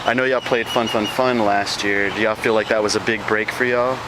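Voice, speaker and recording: A man interviewing a band in a relaxed, halting way with many fillers, outdoors by a street. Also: on the low side. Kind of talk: casual interview. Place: outdoors behind a bar by a street. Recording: outdoor street noise, traffic. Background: passing cars.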